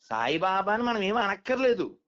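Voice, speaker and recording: A man lecturing in a slightly higher register, pressing his point through rhetorical questions and fond, chiding address. The recording sounds dull and lo-fi. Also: sing-song, moderate pace, fairly bright tone. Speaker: spiritual speaker. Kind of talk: explaining conversation.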